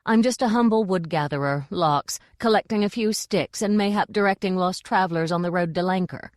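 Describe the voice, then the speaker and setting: A woman's voice: on the low side, moderate pace, dry recording, clean studio sound, lightly acted. Prim, lecturing witch, read by a woman; clipped and tart. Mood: snappish. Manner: snappish, lecturing.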